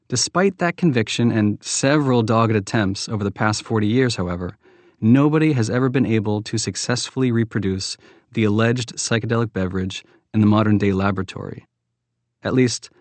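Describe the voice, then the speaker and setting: A man's voice: mid-range voice, darkish tone, no echo. Man reading a nonfiction book, dry sound. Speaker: audiobook reader.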